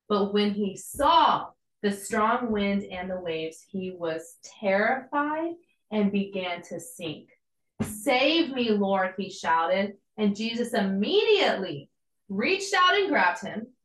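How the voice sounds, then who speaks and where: A woman's voice: medium pitch, animated, slow pace, a bit bright. A woman, giving a conversational, earnest devotional teaching with casual asides. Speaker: podcast host and church planter. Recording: echoey room.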